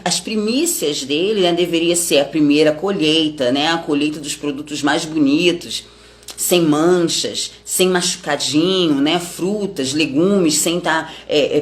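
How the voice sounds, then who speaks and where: Middle-aged woman with a low-ish voice; relaxed, conversational Bible teacher. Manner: conversational, many tag questions, explains with family examples.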